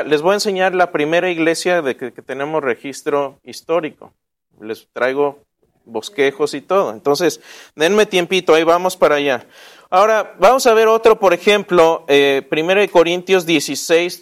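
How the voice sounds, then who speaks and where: A man leads a Bible lesson in a high voice. He talks casually, asks the class questions and often answers them himself. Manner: casual, with restarts and asides.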